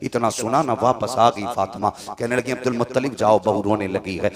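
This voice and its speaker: A man with a North Indian accent preaching a sermon, telling a story that swings from hushed lines to loud impassioned cries. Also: on the low side, fairly even intonation, brisk. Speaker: Islamic preacher. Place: gathering with a responsive crowd. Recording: live crowd audible.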